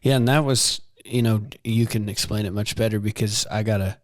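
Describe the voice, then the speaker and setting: A man hosting a casual podcast interview in a saddle shop, easygoing and quick to laugh. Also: lowish voice, fairly even intonation, dry recording, studio quality. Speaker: podcast host.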